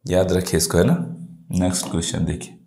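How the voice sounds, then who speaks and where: A man's voice: low voice, flat delivery, brisk, gravelly, warm tone. A man teaching an exam-prep lesson, explaining English words in Hindi and quizzing his pupils. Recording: echoey room.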